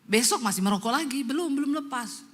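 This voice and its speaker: A woman's voice: sits high, lively intonation, quick pace, a bit bright, slightly rough, big-room sound. A woman pastor preaching a sermon, telling a story emphatically and calling out to her congregation. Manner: storytelling preacher, emphatic, acts out quotes, calls the audience.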